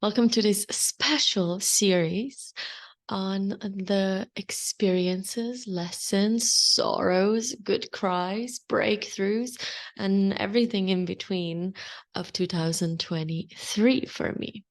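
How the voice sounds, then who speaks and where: Gravelly-voiced woman podcasting. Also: mid-range voice, slow. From Slovenia. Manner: open, unscripted, meandering. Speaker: podcast host. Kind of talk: casual solo podcast chat.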